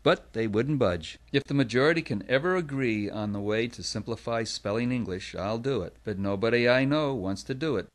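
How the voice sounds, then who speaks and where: A man's voice: mid-range voice, normal speed, hardly any pauses, close to an everyday voice. A man voicing an earnest older man who compiles a dictionary, explaining his spelling rules.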